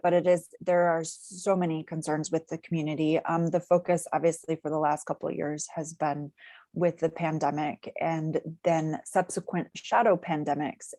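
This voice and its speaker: Low-voiced woman speaking in measured, jargon-heavy phrases. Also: mellow, dry recording. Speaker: community agency representative. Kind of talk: interview answers.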